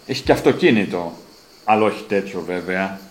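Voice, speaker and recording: Low-voiced man reading literary prose. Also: animated, a little hiss or hum. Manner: dramatic, rising emphasis on repeated phrases. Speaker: author reading his own prose. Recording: roomy echo, faint ambience.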